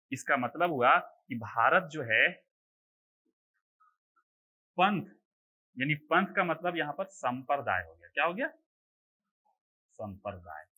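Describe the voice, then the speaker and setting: A male lecturer running an online exam-prep class in a bright, tense, slightly high voice. He throws questions at his students, answers them himself, and keeps checking that they are following. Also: breathy edge, low-quality recording. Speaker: teacher.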